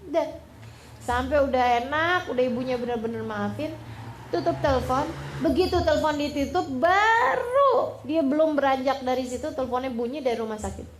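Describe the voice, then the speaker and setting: A woman preacher telling a story in a sermon, lively and colloquial, acting out the voices of the people in it. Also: high voice, fairly quick, echoey room, slight background noise. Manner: lively storytelling, acts out quotes.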